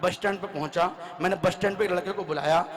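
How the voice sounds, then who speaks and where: Male comic poet, high voice, lively storytelling, acted-out dialogue, echoing live PA sound. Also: fast talker, a crowd in the background. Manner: lively storyteller acting out dialogue with rhythmic repetition. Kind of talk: stand-up comic storytelling at a poetry gathering.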